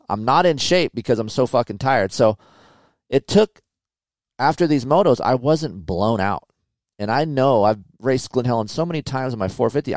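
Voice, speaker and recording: A middle-aged man, a motocross tester, hosts a podcast where he chats casually and bluntly about riding, swearing plenty along the way. His voice is fairly low with a darkish tone, and there's no echo.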